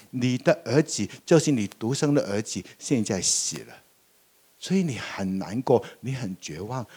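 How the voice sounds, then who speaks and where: A man voicing a gentle, compassionate Jesus consoling a grieving widow, speaking softly and slowly. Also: mid-range voice, slightly rough. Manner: soft, hushed and slow.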